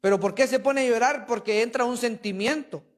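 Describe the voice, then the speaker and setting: Predicador de voz muy aguda, enfático, retórico; sermón en iglesia. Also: male voice, very high voice, a little fast. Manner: emphatic preaching, addresses listeners as brother. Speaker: preacher. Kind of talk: sermon. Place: church.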